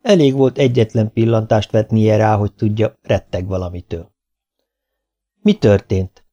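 A man reading a novel aloud as audiobook narrator, measured and even. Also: lowish voice, muffled recording. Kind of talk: scripted narration.

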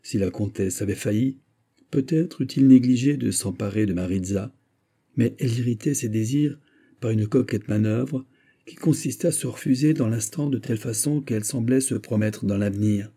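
A man reading a literary story aloud in a measured, steady audiobook narration with a husky voice. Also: medium pitch. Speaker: audiobook reader.

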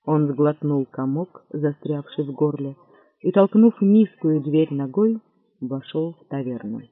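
High-voiced man narrating, tinny sound. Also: expressive, breathy edge, no room sound. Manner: measured storytelling reader. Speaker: audiobook narrator. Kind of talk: scripted narration. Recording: dry, tinny narrow-band audio.

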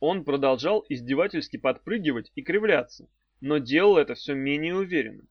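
A man narrating an audiobook in a lively, animated storytelling manner. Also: on the high side, brisk, no room sound. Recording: dull, dry lo-fi audiobook recording.

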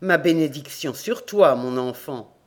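A solemn old peasant with a sorcerer's air, from a storybook, as the audiobook reader puts him on. He gives orders and blessings gravely, in a voice of middle pitch. The delivery is read with only light colouring. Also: expressive, unhurried, lightly acted. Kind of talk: audiobook character reading.

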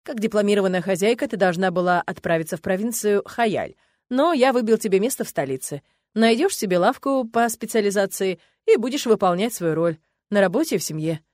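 A woman reading an audiobook, voicing a domineering noble husband with calm menace that turns to hissing rage. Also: mid-range voice, a little fast, no room sound, clean studio sound, close to an everyday voice. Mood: condescending. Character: cold, domineering noble husband, adult man.

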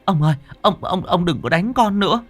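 Man doing a high, wailing pleading wife. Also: very animated, brisk, fairly bright tone, faint music behind, full character voice. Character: distraught middle-aged former actress, pleading wife.

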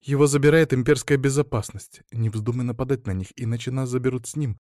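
A man's voice: medium pitch, quick pace, a little mellow, no room sound, clean studio sound, lightly acted. A man voicing a firm, urgent young woman companion.

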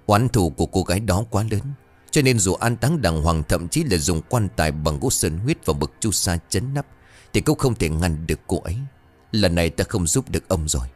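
A man reading a ghost story aloud with dramatic, expressive delivery. His voice is very deep yet swings widely in pitch, and soft music runs faintly beneath him. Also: moderate pace.

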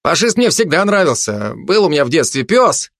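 A wry worker teases with dry irony, voiced by a man. His pitch jumps around and the sound is dry and close, from a storybook. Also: sing-song, brisk, fairly bright tone, no room sound. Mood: ironic. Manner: ironic, drawn out. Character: wry male worker, mocking.

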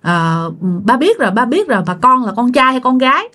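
A woman's voice: fairly high pitch, very animated, moderate pace, bright, forceful tone. A woman voicing a startled, puzzled husband who keeps asking bewildered questions.

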